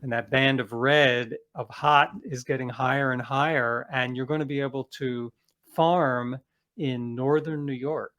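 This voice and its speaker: The American interviewee has a mid-range, slightly bright voice with fairly even intonation. He explains things sincerely and conversationally, often halting and rephrasing along the way.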